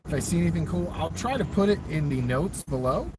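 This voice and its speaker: A man's voice: fairly high pitch, big pitch swings, fairly quick. A man rambling conversationally in a casual live vlog as he drives, recorded on a phone on the dashboard. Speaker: livestreamer narrating a night drive. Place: inside a moving car at night. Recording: loud car and road noise.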